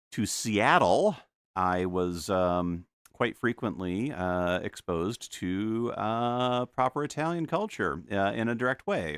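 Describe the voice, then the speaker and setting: This middle-aged man's fairly low, fairly bright voice comes through dry as he talks over a desk mic in his home studio while painting live. His casual chatter wanders and keeps restarting, full of stammers, self-interruptions and little chuckles.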